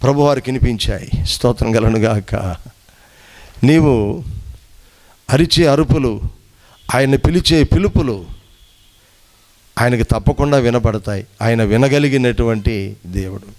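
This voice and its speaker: A male pastor preaching emphatically, repeating phrases and swinging his voice between high rises and low drops. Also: a little slow, pauses often, a little mellow. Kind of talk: sermon.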